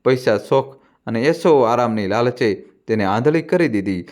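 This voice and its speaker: A man voicing a sorrowful, secretive old man who speaks slowly and gravely in a hushed voice. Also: mid-range voice, expressive, lightly acted.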